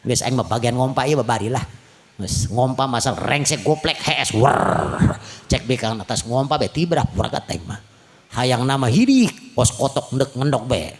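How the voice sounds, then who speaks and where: A man with a Sundanese accent preaching a comic sermon, acting out characters with shouted lines and quiet asides. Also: mid-range voice, lively intonation, normal speed. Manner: switches between Sundanese and Indonesian.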